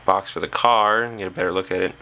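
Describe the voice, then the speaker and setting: A man with a deep, gravelly, sharp voice talks fast and steadily while thinking aloud at his workbench. He is a hobbyist presenter, speaking casually, off the cuff, and somewhat hesitantly in a small indoor workshop. A camera's built-in mic records him.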